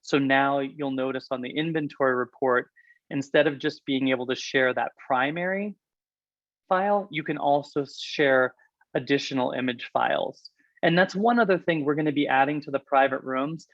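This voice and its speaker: A man presenting a software walkthrough on a webinar, talking quickly and chattily with some fillers. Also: mid-range voice, no room sound, lo-fi sound. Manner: fast, chatty, explanatory with fillers. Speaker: product presenter.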